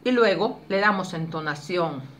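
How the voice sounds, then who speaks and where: Expressive woman teaching in an echoey room. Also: fairly low pitch, unhurried, recorded from a distance, a little hiss or hum. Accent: Spanish. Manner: expressive, demonstrates vowels and intonation. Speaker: public speaking instructor. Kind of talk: teaching a workshop.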